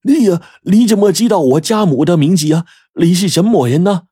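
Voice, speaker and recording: A man's voice: very animated, moderate pace, dark tone, breathy edge, no room sound, studio quality. A man voicing an astonished young man who is overwhelmed on meeting his lost father. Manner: astonished, high-pitched exclamations. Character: young man from Taiwan, stunned and emotional son.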